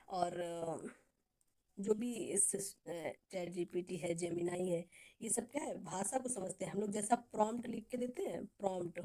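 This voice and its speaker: Mellow-voiced woman teaching an exam class. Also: fairly low pitch, low-quality recording. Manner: asks a question then answers it, repeats key terms. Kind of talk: Hindi exam-prep lecture.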